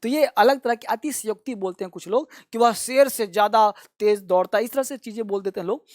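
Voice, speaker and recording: A man with a fairly high voice speaks a little quickly, recorded dry at studio quality. He teaches English vocabulary in a classroom style, repeating each word and having his students say it back. He fondly calls the viewers his children.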